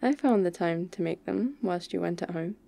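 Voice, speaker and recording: A woman playing an affectionate, pouty young girlfriend in an intimate, soft ASMR role-play for ASMR. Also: fairly low pitch, gravelly. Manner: intimate soft voice dropping into speaks softly, slow and tender.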